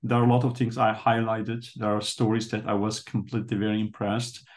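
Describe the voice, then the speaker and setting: In a casual book club discussion, a Turkish man speaks English with a Turkish accent, his native language being Turkish. His voice is soft and his pitch stays flat and level, and he pauses often while searching for the right English words.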